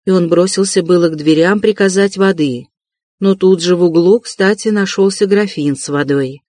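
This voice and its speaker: A narrator reading a classic novel aloud in a steady, measured way. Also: mid-range voice, no room sound. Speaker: audiobook narrator. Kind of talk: literary audiobook narration.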